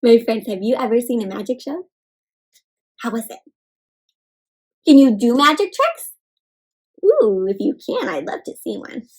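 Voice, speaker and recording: At a measured pace with long pauses, a woman with a fairly high, slightly breathy voice reads a story aloud to young children. She's expressive and interactive, gasping and asking her listeners simple, encouraging questions.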